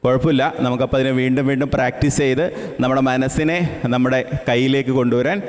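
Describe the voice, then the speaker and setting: A man's voice: medium pitch, flat delivery, quick pace. A man running an interactive session for a children's camp. He echoes each child's answer back, encourages them and mixes English phrases into his speech. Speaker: camp trainer. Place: large indoor hall with an audience. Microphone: handheld microphone. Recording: long reverb of a large hall.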